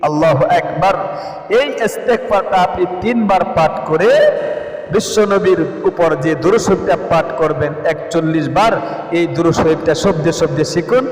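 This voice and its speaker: Preacher, male, high voice, slow melodic chant, roomy echo with faint music behind. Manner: pleading, emotional supplication. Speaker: Islamic preacher. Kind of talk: devotional instruction with chanted recitation. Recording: echoey reverberant room with faint music.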